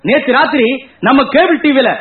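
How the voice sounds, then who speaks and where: A man's voice: very high voice, a little fast, recorded from a distance. An actor playing a whiny, bumbling fake holy man who keeps complaining. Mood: panicked. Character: whiny comic male sham swami, bumbling. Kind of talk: comedy film dialogue. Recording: tinny lo-fi echoey film audio.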